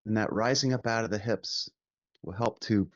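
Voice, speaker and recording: A male meditation teacher guides listeners gently and soothingly, leaving long pauses between short instructions. His voice is lowish, and the recording is muffled with no echo.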